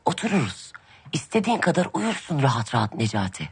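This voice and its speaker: A woman's voice: sits low, big pitch swings, fast, slightly rough, exaggerated voice. An actress playing a firm wife who scolds and turns her husband out. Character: stern wife Ayten refusing her husband, woman.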